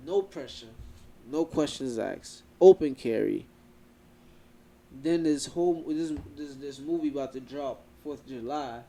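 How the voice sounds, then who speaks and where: A young man co-hosting a podcast, chatting casually in animated slang and talking over his co-host. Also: mid-range voice, measured pace, vocal fry, slight background noise. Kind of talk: casual chat.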